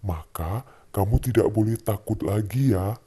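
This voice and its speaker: A man's voice: lowish voice, a little slow, warm tone, breathy edge. A man voicing a patient father who tells his child a Bible story at bedtime, speaking in a soothing way. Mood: storytelling. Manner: soothing, acts out voices in the story.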